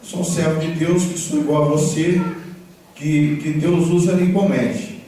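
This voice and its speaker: A man preaching a sermon in a church, talking conversationally and telling stories with animated retellings, often checking in with his listeners. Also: on the high side, measured pace. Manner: conversational, repeats tag questions, animated storytelling. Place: church hall. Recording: echoey church hall from far off, background noise.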